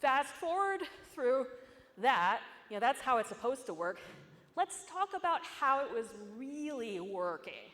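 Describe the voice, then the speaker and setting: A woman's voice: sits high, very animated, measured pace, fairly bright tone. A woman giving a security conference talk in a casual, conversational way, with asides and jokes. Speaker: conference speaker. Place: conference hall. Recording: echoey conference hall.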